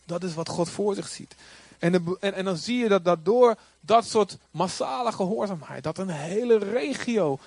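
A male pastor preaching a sermon with passion, rising now and then to loud cries. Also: high-pitched, expressive, normal speed, no room sound.

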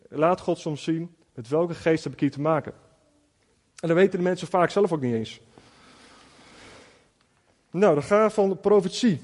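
A man's voice: on the high side, darkish tone. A man preaching informally, telling stories in an earnest way with many restarts and fillers. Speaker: preacher teaching on spiritual gifts. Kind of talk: informal sermon teaching. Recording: long hall reverb.

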